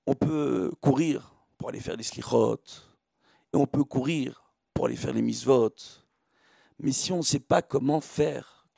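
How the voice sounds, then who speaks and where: This is a clean studio recording with no echo of a man whose medium-pitched voice is gravelly and dark with a breathy edge. As a rabbi, he gives a religious lecture illustrated with everyday analogies. His teaching is emphatic, full of repetition and rhetorical questions.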